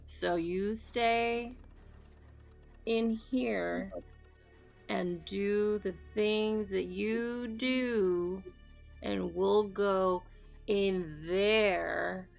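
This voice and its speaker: A tipsy, swaggering adventurer woman, as a player puts her on, stretching her words out slowly with a gravelly edge. She sounds overly earnest and sloppy, as in a tabletop role-playing game. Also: mid-range voice, steady tone, a little mellow, faint music behind. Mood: drunk sincere. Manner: slurred, drawn-out sincerity.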